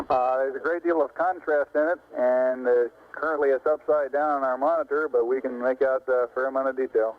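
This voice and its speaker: American male mission controller, mid-pitched, calm procedural calls over tinny space radio with faint static. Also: fairly quick, few pauses. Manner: clipped, formal, calm radio phrasing. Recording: tinny, noisy 1960s space radio link.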